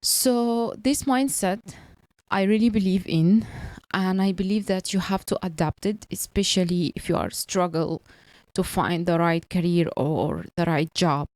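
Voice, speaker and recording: Speaking slowly-ish in a lowish, darkish voice, this early-thirties woman, a motivational vlogger and non-native English speaker, earnestly drives her message home by restating it. The recording is dry.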